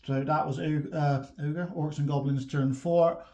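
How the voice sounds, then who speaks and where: A man casually recapping his army's turns in a tabletop battle report, chatty and quick to laugh. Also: a little high, steady tone, dark tone, dull audio.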